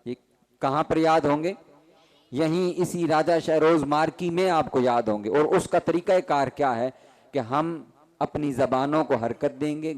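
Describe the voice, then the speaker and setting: A man's voice: mid-range voice, darkish tone. A man teaching a Quran recitation class, asking questions and having students repeat terms in rhythm. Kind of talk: classroom call-and-response lesson.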